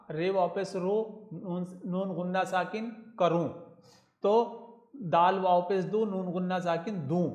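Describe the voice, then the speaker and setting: A man's voice: sits high, roomy sound. A man teaching Urdu script, patiently spelling words out letter by letter. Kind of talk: slow spelling lesson.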